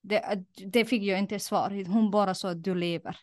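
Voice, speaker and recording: A young woman from Somalia, a non-native speaker, recounting a harrowing past in a halting way with many fillers. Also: medium pitch, flat delivery, no echo, clean studio sound. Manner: plain, halting retelling with many fillers and reenacted quotes. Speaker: guest. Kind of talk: personal testimony interview.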